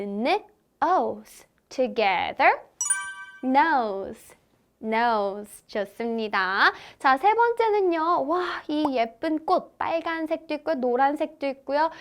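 A young woman teaching children English phonics in a cheerful, sing-song way, talking straight to the kids. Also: high-pitched.

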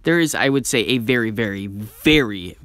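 Excited, chatty young-sounding male vlogger. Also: on the low side, normal speed, clear, resonant tone, no echo. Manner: excited, chatty, with strong personal opinions. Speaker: theme park vlogger. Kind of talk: enthusiastic video commentary.

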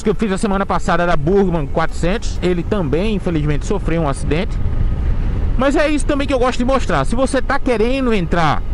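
Chatty man on a scooter over road noise. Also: sits high. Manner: chatty, laid-back, slangy, addresses viewers directly. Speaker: motovlogger host. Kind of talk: casual motovlog chat while riding. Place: riding a scooter on a sunny city road outdoors. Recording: clear road and traffic noise behind.

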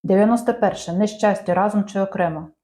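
A woman reading out language quiz questions and answers in a measured, clear teaching manner. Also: mid-range voice, dark tone. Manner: measured, clear dictation-like delivery.

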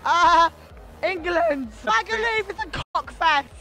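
A woman's voice: very high voice, lively intonation, takes it slowly, pushed and bright. A young woman giving brash, sweary answers in an outdoor street vox pop. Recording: outdoor street, light crowd.

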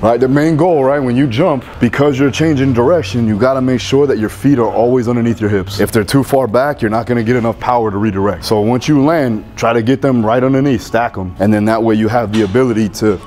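A man's voice: medium pitch, fast, few pauses, darkish tone, slight background noise. A man in his thirties coaching a workout in a gym, calling out punchy, repetitive commands and encouragement. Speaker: strength coach. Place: large indoor gym. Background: music.

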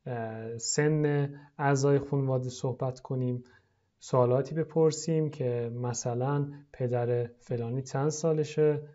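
A teacher recording a video lesson, talking pupils through a short dialogue. The English lines come very slowly, word by word, between quicker stretches of explanation. The voice sits at a middling pitch, and the recording sounds a little dull. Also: fairly even intonation, warm tone.

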